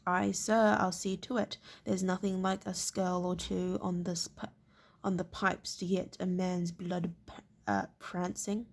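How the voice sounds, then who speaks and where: A woman voicing a serious northern infantry captain in a storybook reading, answering loudly and earnestly. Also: lowish voice, flat delivery, a little slow, gravelly.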